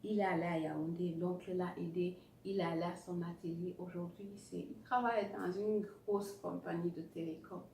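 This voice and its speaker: A woman's voice: fairly low pitch, fairly even intonation, normal speed, vocal fry, hardly any pauses, mellow. Echoey, distant woman coaching. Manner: emphatic, repeats key phrases, direct address; some English words mixed into French. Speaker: writing coach. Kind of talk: motivational teaching with acted-out anecdotes. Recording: roomy echo, distant mic, faint noise.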